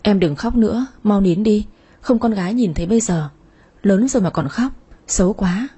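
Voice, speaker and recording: Lady reading as a soft reassuring young husband, breathy and warm, storybook vibe. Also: mid-range voice, normal speed. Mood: soothing. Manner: gentle, reassuring. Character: devoted hardworking young husband, a laborer.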